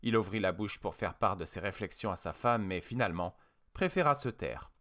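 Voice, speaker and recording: A man reading an audiobook with expressive, dramatic narration. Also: on the low side, normal speed. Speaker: audiobook reader.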